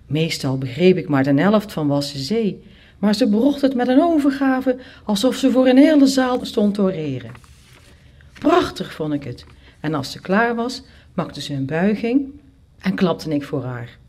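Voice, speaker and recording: A storyteller telling a first-person tale with lively expression and steady momentum. The voice sits at a middle pitch and moves easily through the narration. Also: a little slow. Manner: lively, expressive, acts out characters.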